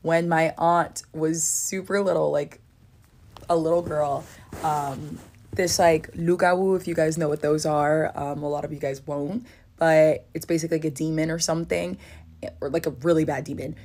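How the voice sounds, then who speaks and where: Low-voiced woman rambling through a tale. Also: steady tone, normal speed, a little mellow. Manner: rambling, many fillers, drops to a whisper. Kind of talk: casual story time.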